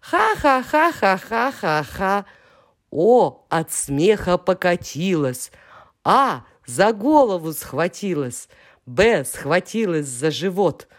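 A woman reciting a children's poem in an expressive, playful storytelling manner. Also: lowish voice, slow pace. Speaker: reader.

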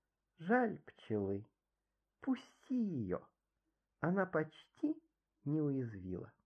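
A man's voice: huge pitch swings, takes it slowly, breathy edge, heavily acted. A man playing a pampered, skittish young lady. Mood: gentle. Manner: shrill panicked cries, later soft and forgiving. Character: pampered young lady, flighty and easily frightened. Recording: dull lo-fi recording.

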